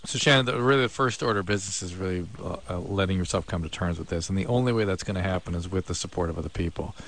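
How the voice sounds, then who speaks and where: Fast-talking calm advising man. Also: low-pitched. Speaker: co-host giving advice. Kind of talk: casual radio talk.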